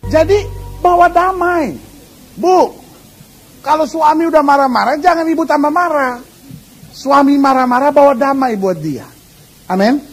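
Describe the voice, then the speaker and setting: A man preaching a sermon as pastor, lively and humorous, acting out voices in his stories and getting the congregation to repeat after him. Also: very high voice, normal speed, pauses often, low-quality recording. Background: congregation laughing.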